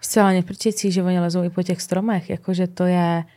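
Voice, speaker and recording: A woman with a fairly low voice talks in a relaxed, casual way. She mostly answers in short replies and adds brief thoughts of her own. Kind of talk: casual chat.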